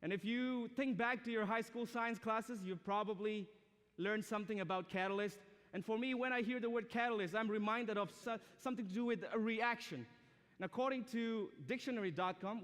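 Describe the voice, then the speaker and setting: This is a live recording from a large church or university auditorium, full of long hall reverb. A young Myanmar-born student speaker preaches to fellow students in a high, somewhat bright voice, keeping it chatty and direct and quizzing the crowd.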